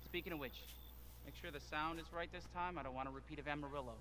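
Actor as a cocky, high-voiced male TV host. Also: steady tone, quick pace, noisy background, lightly acted. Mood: bossy, dismissive. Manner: sarcastic, self-important, complaining. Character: cocky, irritable male TV ghost-hunting host. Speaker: TV show host. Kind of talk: naturalistic video game acting.

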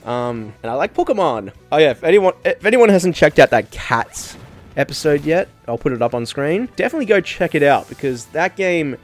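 A man hosting his own gaming channel, chatting casually over gameplay with lots of swearing. His voice is lively and leaps up in pitch when something happens. Faint music plays under him. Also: fairly quick. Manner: profane, excitable, swings to loud outbursts. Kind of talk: casual let's play commentary.

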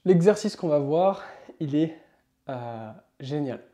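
A man teaching yoga, giving upbeat coaching and counting slowly through each movement as he demonstrates. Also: a little high, lively intonation, mellow. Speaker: yoga instructor. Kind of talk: instructional demonstration.

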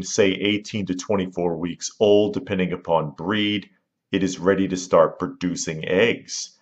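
A man reading a scripted how-to voice-over in a measured, instructive way, with dry asides. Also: low-pitched, dull audio. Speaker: channel host giving homesteading tips.

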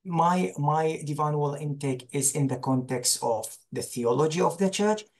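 A man in his forties from Iraq, a religious teacher, appears as an interview guest on a video call from a small room, speaking informally with an Iraqi accent. His voice is on the high side and a little slow, and he often pauses to find his words.

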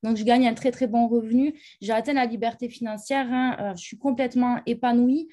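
A woman's voice: a little high, fairly even intonation, fairly quick, warm tone. A young woman from France giving a personal testimony, talking with lots of hesitant fillers. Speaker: company ambassador. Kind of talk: personal testimony on a live show.

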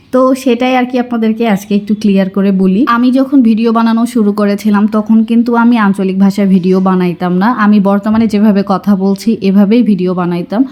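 Calm woman vlogger talking to viewers. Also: mid-range voice. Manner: calm, explanatory, addressing viewers directly. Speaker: family vlogger. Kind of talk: casual talk to camera.

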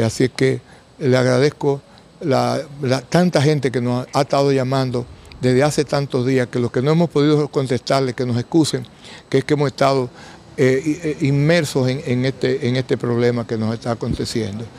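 A Dominican man in his seventies speaking in quiet grief, restrained and halting, in an interview into a handheld microphone. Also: mid-range voice, fairly even intonation, gravelly. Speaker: bereaved father giving a press statement. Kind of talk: on-camera interview. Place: covered entrance outside a building.

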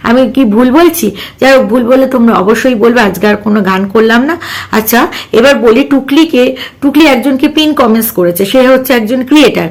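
A woman's voice: on the high side, quick pace. A woman vlogger talking casually to her viewers, scolding and mocking a rival in a sarcastic, direct way. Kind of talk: casual ranting vlog.

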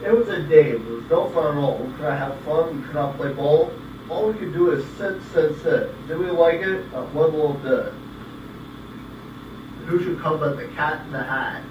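Guy telling fairy tales for a puppet show, halting, far from mic, hissy room. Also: on the high side. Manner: halting, repeats words. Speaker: puppeteer storyteller. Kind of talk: amateur storytelling, narrated fairy tales. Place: indoor room, puppets behind a couch. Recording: echoey room, distant mic, steady hiss.

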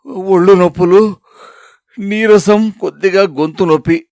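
A man's voice: a little high, lively intonation, moderate pace, no room sound, clean studio sound, close to an everyday voice. A man voicing a sick, grumbling middle-aged husband who whines and complains. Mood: whining. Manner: whining, complaining.

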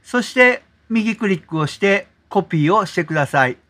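A man hosting a software tutorial, explaining step by step in a polite manner, often adding 'desu ne' as filler. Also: high voice, animated, normal speed. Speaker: tutorial host. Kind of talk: screen-recorded software tutorial.

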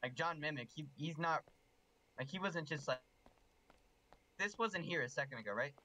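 Young male gamer, high and bright, swings all over, goofy and excitable. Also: moderate pace, low-quality recording. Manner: excitable, joking, loud reactions. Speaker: gamer playing with friends. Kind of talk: casual group gaming chat.

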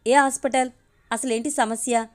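A woman voicing a caring young woman in a storybook reading, gentle and soothing in manner. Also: fairly high pitch, fairly even intonation, moderate pace, natural voice. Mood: anxious.

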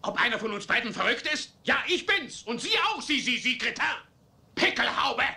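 A man dubbing a hot-tempered, middle-aged rich father in a German film, ranting in shrill, theatrical outbursts. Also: sing-song, moderate pace, creaky, noisy background, heavily acted. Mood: raving. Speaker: dubbed film actor.

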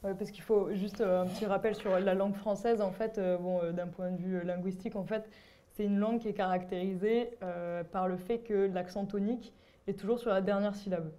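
A woman's voice: mid-range voice, steady tone, a little fast, mellow. Hesitant young woman moderating a seminar. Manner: hesitant, many fillers, explanatory. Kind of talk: academic discussion.

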